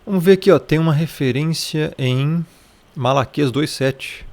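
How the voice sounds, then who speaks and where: A man's voice: on the high side, measured pace, darkish tone. A man with a Brazilian Portuguese accent giving a casual Bible study lesson. He talks in a chatty way, keeps checking in with the listener and points things out in the text as he goes. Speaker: Bible teacher.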